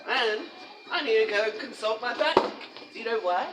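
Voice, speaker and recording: A man's voice: extremely high pitch, normal speed, rough recording. Rambling man eating and complaining. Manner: rambling, complaining, laughs often, talks with mouth full. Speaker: vlogger. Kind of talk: casual chat to camera. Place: fast food restaurant. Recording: music playing in the background. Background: background music.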